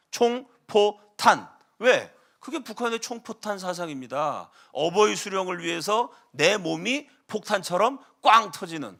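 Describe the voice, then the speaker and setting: A middle-aged male pastor delivers a lecture-style sermon with an animated, emphatic manner. His voice sits high and sounds bright and forceful.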